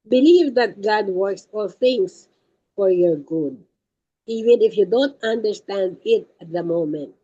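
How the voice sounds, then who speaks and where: In a slow, animated delivery, a woman with a medium-pitched, dark, slightly rough voice gives an emphatic Taglish faith talk to a prayer group. She repeats her key points and calls her listeners brothers and sisters, and the audio is dull.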